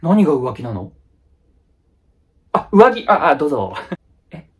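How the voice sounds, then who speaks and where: A man performing a comedic solo skit, firing off quick, blunt retorts in rough casual speech. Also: fairly high pitch, sing-song. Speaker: comedy YouTuber.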